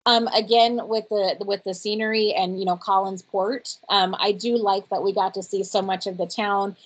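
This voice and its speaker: A woman co-hosting a podcast in casual chat, hoarse and losing her voice, rambling along. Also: mid-range voice, fairly even intonation, normal speed, poor audio. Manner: rambling, many fillers and restarts. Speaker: podcast co-host.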